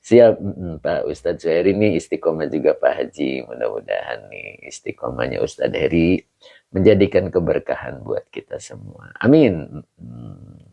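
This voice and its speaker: Low gravelly-voiced male preacher. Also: big pitch swings, moderate pace, dark tone, muffled recording. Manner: reads viewers' comments aloud and answers with prayers and chuckles. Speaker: Islamic preacher hosting a live study stream. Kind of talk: casual live-stream greetings to viewers.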